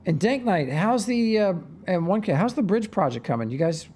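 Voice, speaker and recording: A man's voice: high voice, animated, moderate pace, darkish tone, husky. A man hosting a game livestream, chatting eagerly and trailing off with fillers as he sails around. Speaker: streamer host. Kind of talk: casual livestream chat.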